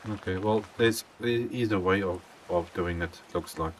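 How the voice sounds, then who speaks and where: A man thinking aloud as he streams a building game, rambling with halting restarts. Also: deep voice, a little hiss or hum. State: out of breath. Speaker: gaming live streamer. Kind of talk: casual live-stream commentary.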